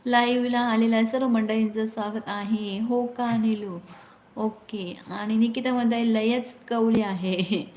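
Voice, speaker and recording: A woman's voice: a little high, fairly even intonation, unhurried, darkish tone, roomy sound, slight background noise. A woman hosting a casual live stream on her phone. She chats, reads viewers' comments aloud, answers them and gives friendly advice.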